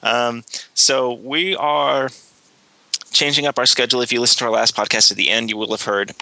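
A podcast host with a medium-pitched, steady voice makes casual announcements at a moderate pace, his tone pushed and bright. He rambles with plenty of fillers and restarts and sounds like he has a slight cold. The audio is poor, though there's no echo.

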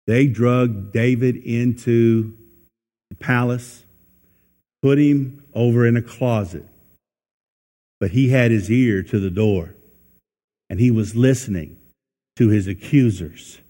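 Folksy preacher in an echoey hall. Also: male voice, medium pitch, slow pace, long pauses, warm tone. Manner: folksy, asks the listeners questions, acts out quotes. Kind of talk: sermon.

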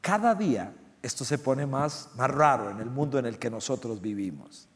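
A middle-aged man preaching a sermon, emphatic, with loud stressed lines and soft low asides. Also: expressive, moderate pace. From Central America. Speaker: pastor. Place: church sanctuary. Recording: long church hall reverb.

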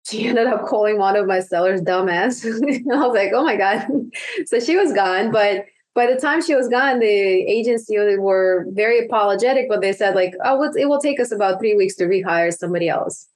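A woman who owns a virtual assistant business is interviewed as a podcast guest, chatting with lots of fillers and restarts. Her medium-pitched voice is brisk, with hardly any pauses.

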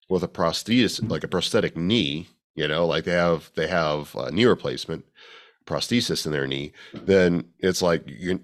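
A man co-hosting a casual podcast chat as a fitness coach, rambling with many restarts and fillers. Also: sits low.

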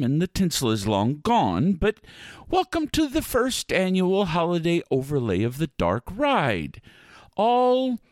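A man playing a pompous, mischievous spooky dark ride narrator in a grandiose, scripted comedy show. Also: mid-range voice, no echo, clean studio sound. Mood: theatrical welcome. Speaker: host of a horror dark-ride comedy podcast.

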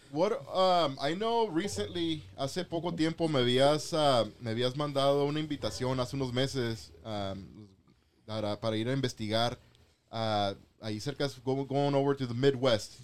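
A man's voice: mid-range voice, steady tone, measured pace, clean tone. A man hosting a casual interview, switching between Spanish and English. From Mexico. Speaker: host.

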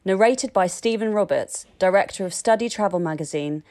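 A woman podcast host reading a scripted introduction in a clear, formal announcing way. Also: medium pitch, fairly quick, darkish tone.

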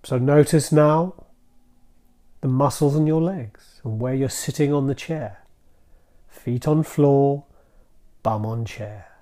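A man guiding a calm grounding exercise in a gentle, soothing manner, leaving deliberate pauses between short phrases. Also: mid-range voice. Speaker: mindfulness practice guide.

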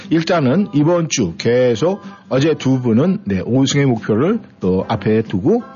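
A man's voice: mid-range voice, big pitch swings, measured pace, warm tone, faint music behind. A man hosting a radio show, chatting casually and playfully mimicking dialects. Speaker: radio host. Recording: muffled radio broadcast.

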